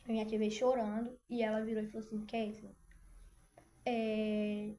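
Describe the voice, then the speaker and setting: A young woman from Brazil telling a personal story in a lively way, speaking straight to her viewers and often breaking off with fillers and restarts. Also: medium pitch, moderate pace. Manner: animated, addresses viewers as "gente", many fillers. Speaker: vlogger.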